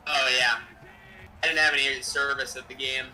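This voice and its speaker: Sharp, bright young man calling plays. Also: mid-range voice, little pitch movement, moderate pace, far from the mic, slight background noise, low-quality recording. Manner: chatty, jokey, drops game calls between stories. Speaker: co-host of a game-sim stream. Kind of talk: casual chat and play-by-play over a simulated football game.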